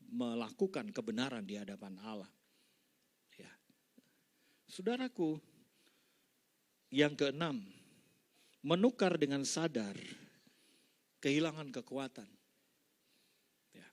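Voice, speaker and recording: A male pastor preaches at a church service, telling a story and acting out both voices in its dialogues. His voice sits fairly high and swings widely in pitch as he tells it. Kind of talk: sermon. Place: church service in a mall hall.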